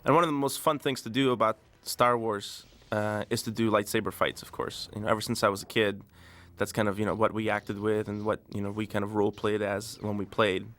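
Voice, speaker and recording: Director recording DVD commentary, rambling, lowish, flat delivery. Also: male voice, brisk, few pauses. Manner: relaxed, rambling, many fillers.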